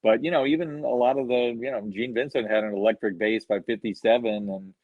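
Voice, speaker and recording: A man appearing as a guest musician in a video-call interview tells rambling, "you know"-laden stories in a relaxed way. He speaks fairly quickly in a medium-pitched voice with a steady tone. The recording is dry, lo-fi, and a bit dull.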